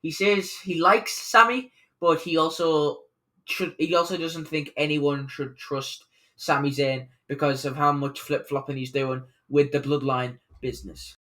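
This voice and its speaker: A man's voice: on the high side, steady tone, a little slow, a bit bright. A man giving a casual, unscripted recap of a wrestling show, rambling along with plenty of fillers and self-corrections.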